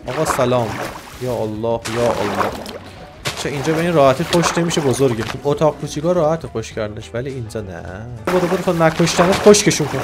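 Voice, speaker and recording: A man giving excitable, joking commentary over a game, shouting and trash-talking the monsters. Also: mid-range voice, loud music behind the voice. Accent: Iranian Persian. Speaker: gaming YouTuber. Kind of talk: Minecraft let's-play commentary.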